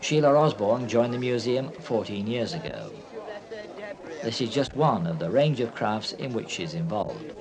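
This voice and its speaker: A man reading scripted documentary narration in a measured, informative way. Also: fairly low pitch, big pitch swings, a crowd in the background. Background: music.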